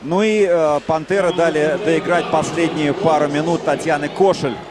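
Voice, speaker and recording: Higher-voiced man doing hockey commentary. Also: steady tone, normal speed, noisy background. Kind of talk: live play-by-play commentary.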